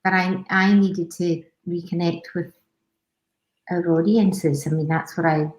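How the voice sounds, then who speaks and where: Female musician guest, Hebridean accent, lowish pitch, conversational, recorded with noticeable room echo. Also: fairly even intonation, unhurried, a little mellow. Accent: Hebridean Scottish. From Hebrides, Scotland. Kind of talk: casual conversational interview. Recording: roomy, echoing sound.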